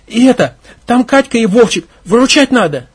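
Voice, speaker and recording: A man's voice: very high-pitched, big pitch swings, normal speed, breathy edge, pitched above the performer's own voice, heavily acted. A man voicing a frightened young village girl who pleads breathlessly, close to tears. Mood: pleading, urgent.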